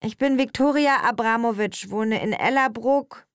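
A woman's voice: a little high, moderate pace, clear, resonant tone, no echo, clean studio sound, voice pushed up, natural voice. A woman voicing a shy fourteen-year-old schoolgirl who speaks hesitantly.

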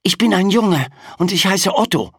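A man's voice: high-pitched, lively intonation, moderate pace, husky, no echo, studio quality, voice pushed up, heavily acted. A man voicing a frightened young boy in an audiobook, blustering and boastful to hide his fear. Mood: indignant. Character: scared, defiant young boy. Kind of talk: audiobook character voice.

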